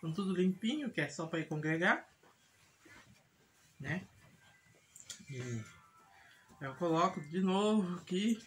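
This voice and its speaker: Here a middle-aged Brazilian woman, a mother who vlogs from home, speaks slowly and animatedly in a lowish voice, pausing often as she does chores. She rambles and repeats herself, often ending with a checking tag; the small indoor room has clear household noise and handling clicks.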